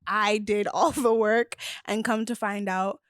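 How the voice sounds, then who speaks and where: A woman in her twenties, a podcast guest telling a dating story in a casual, animated way, laughing often and quoting people. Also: mid-range voice, a little slow, smooth, dry recording, clean studio sound.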